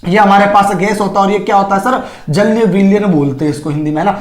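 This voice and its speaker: High-voiced male teacher, echoey room. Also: steady tone, fast talker. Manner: asks questions and answers them himself; homely Hindi analogies, calls students sir. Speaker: chemistry teacher. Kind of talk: classroom lecture.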